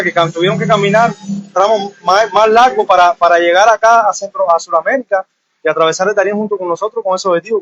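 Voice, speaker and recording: A man from Cuba speaks earnestly in a street interview, stopping often and restarting his phrases. His voice sits a little high, and the outdoor audio is muffled. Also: no echo. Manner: earnest, halting with fillers. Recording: muffled live field audio.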